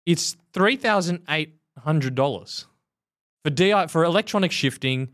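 A man's voice: a little high, expressive, unhurried, a bit bright. A man co-hosting a cycling podcast, talking in blunt, casual chat and laughing often. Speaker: podcast co-host.

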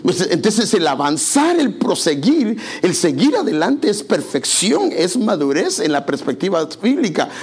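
A man's voice: high-pitched, very animated, measured pace, hardly any pauses, husky. A male pastor preaching a conversational sermon in church, speaking directly to the congregation.

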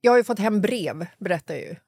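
A woman hosting a podcast in casual chat, an animated storyteller who acts out dialogue and swears freely. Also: mid-range voice, husky, dry recording. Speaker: podcast host.

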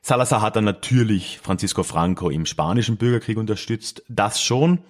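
A man with a fairly low voice talks through history in a relaxed, conversational way. He thinks aloud, restarts his phrases and drops in little asides. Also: normal speed. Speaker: podcast host explaining history. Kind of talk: casual spoken history talk.

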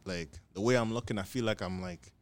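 Toronto dude, kinda low voice, slangy podcast chat, bro every other line, bit halting. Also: male voice. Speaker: podcast co-host.

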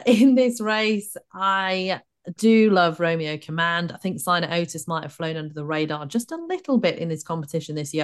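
A woman hosting a betting podcast, steadily guiding the discussion between her guests. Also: low-pitched. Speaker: podcast host. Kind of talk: casual betting chat.

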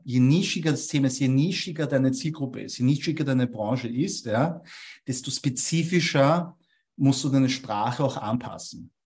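As a guest in an interview, a young man from Vienna explains copywriting concepts in a darkish, mid-range voice. He tags his statements with a questioning "ja?" to check in.

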